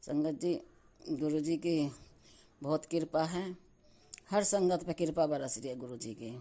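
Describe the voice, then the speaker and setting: A middle-aged Delhi woman with a low, dark-toned voice gives a devout testimony to her congregation. She repeats herself, halts often, and cuts words off midway before starting over.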